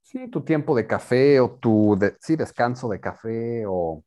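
Patient bilingual English teacher, lively pitch. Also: male voice, moderate pace. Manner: patient, switches between English and Spanish, repeats and explains. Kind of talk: online bilingual English lesson.

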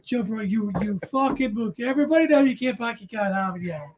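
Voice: mid-range voice, lively intonation, fast talker, muffled recording, background noise, close to an everyday voice. A podcast host putting on a brash, scornful Boston local with a thick put-on Boston accent. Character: brash Boston local guy mocking a newcomer.

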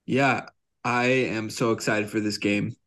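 A man's voice: fairly low pitch, steady tone, a little slow, a bit bright. A man co-hosting a casual sports podcast, easygoing and agreeable, with frequent ums. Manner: easygoing, agreeable, hesitant fillers. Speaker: podcast co-host.

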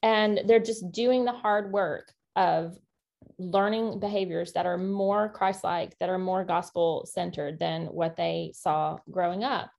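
A woman co-hosting a casual faith-based parenting podcast, talking in an earnest, encouraging way with quick asides. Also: on the low side, fairly even intonation, gravelly, a little mellow, lo-fi sound. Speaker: podcast co-host.

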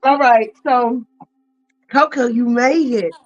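A woman from North Carolina, hosting a casual chat podcast in a loud, playful, slangy way. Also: a little high, slow pace, dull audio, faint music behind. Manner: loud, playful, chatty, drops into Southern slang. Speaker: podcast host.

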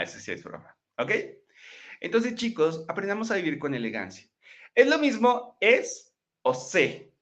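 A man with a fairly high, bright, forceful voice gives a chatty motivational talk on a live stream, checking in with his listeners often. He's recorded through a laptop microphone.

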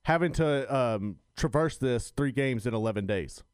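A man co-hosting a sports radio show, talking in a loud, dense radio delivery. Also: medium pitch, lively intonation, moderate pace, clean tone, no echo, clean studio sound.

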